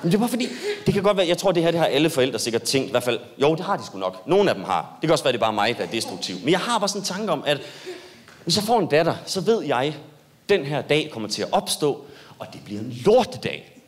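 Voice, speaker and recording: A young man performs a stand-up comedy set on stage, telling a story with animated delivery punctuated by sudden high yelps.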